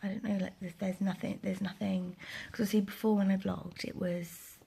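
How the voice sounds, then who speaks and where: Softly whispering young woman vlogger. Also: medium pitch, level tone, normal speed. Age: 20s. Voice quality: whispering, breathy. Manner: rambling, many fillers and restarts. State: slight sore throat. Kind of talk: casual whispered vlog. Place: home, indoors. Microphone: close camera.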